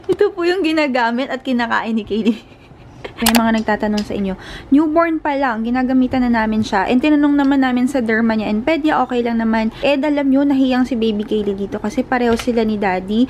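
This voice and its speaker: A woman's voice: on the high side, brisk, a little mellow, a little hiss or hum. A young Filipino woman vlogging at home as a mother, chatting to camera in a casual way and talking to her toddler in a sing-song voice. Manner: chatty, mixes English into Filipino, sing-song baby talk to her child.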